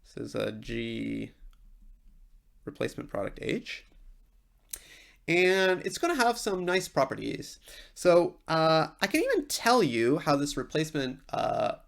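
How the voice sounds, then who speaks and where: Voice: medium pitch, very animated, measured pace, vocal fry. A university lecturer giving an informal technical explanation, thinking aloud with small asides along the way.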